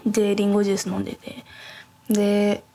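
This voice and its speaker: A soft-spoken young woman chatting casually on a podcast, her voice carrying a gravelly, creaky texture at a middling pitch. She rambles through her story with lots of fillers and restarts. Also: completely flat delivery, a little fast. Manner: rambling, many fillers and self-corrections. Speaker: podcast host.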